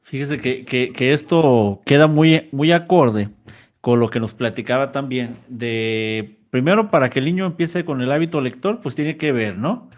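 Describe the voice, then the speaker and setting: A man's voice: medium pitch, measured pace. A man hosting a podcast, reflecting aloud and tagging his points with questions. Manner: reflective, talks in asides ending in "¿no?". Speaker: podcast host. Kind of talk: conversational podcast interview.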